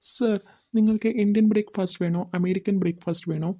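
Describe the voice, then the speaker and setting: A woman's voice: medium pitch, fairly even intonation, quick pace, mellow, lightly acted. A woman voicing a polite, formal waiter on a boat in a cartoon.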